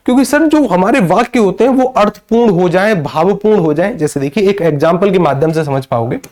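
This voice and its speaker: High-voiced male teacher. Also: expressive, brisk, darkish tone. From northern India. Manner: repetitive, asks and answers his own questions; greets and answers viewers by name. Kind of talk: live online grammar lecture.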